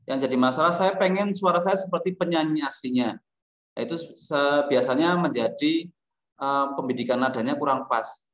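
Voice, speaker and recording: A male teacher giving a music lesson, joking and teasing his students between explanations. His voice sits at an ordinary pitch, and it rings around a bare, echoey classroom. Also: a bit bright.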